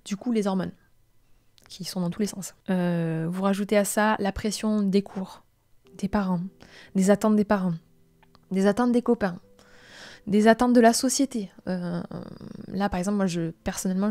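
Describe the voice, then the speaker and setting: A woman in her late twenties hosting a live-streamed self-help talk, speaking softly and gently, sometimes dropping to a near-whisper, with many reflective hesitations. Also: mid-range voice. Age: late 20s. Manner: soft and gentle, drops into a near-whisper at times.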